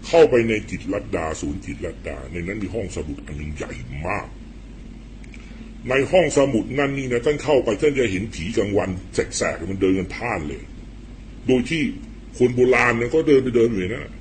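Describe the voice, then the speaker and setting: A blunt, rough-spoken middle-aged man tells stories and rants about politics in a casual monologue. His voice sits low, and a faint hiss of background noise runs under the recording. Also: lively intonation, normal speed, darkish tone. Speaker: political commentator.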